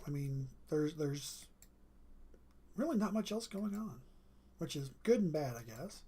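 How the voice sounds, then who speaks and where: This weather livestreamer keeps a steady commentary over live radar maps, though the strained voice repeatedly breaks off for throat-clearing. The pitch is ordinary and mid-range, the delivery expressive and a bit slow, the tone dark.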